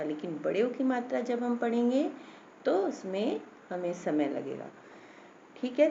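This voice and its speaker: A woman gives a slow, patient grammar lesson for young children and stretches every syllable as she sounds out words. The recording is a little dull and lo-fi, with a faint hiss underneath. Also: medium pitch, darkish tone. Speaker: teacher.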